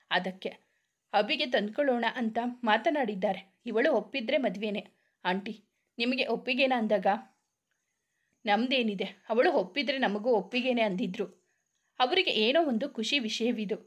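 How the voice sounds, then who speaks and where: A woman reads a serialized romance story aloud, voicing each character's dialogue herself with small shifts of tone. Her voice sits a little high.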